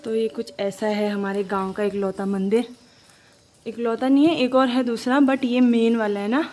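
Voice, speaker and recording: A woman's voice: on the high side, steady tone, normal speed, darkish tone, slight background noise. A young woman vlogging in a casual, chatty way, talking straight to her viewers as she walks around outdoors in a village. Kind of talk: casual vlog walk-through. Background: faint outdoor ambience with animals.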